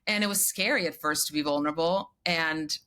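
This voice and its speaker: Bright-voiced Croatian-born woman in her forties. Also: low-pitched, clean tone. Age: 40s. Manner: brisk and self-deprecating, laughs often. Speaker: podcast guest. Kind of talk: candid interview storytelling.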